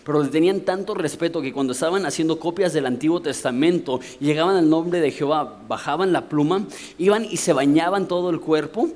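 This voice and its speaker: A Mexican pastor speaks fairly quickly in a fairly high voice with a darkish tone, preaching a sermon from the pulpit. He uses a Mexican Spanish accent, explaining things conversationally and asking rhetorical questions.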